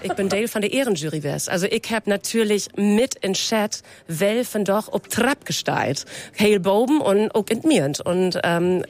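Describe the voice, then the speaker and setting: A woman, a jury member giving a soundbite and searching hesitantly for her words. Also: mid-range voice. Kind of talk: interview soundbite.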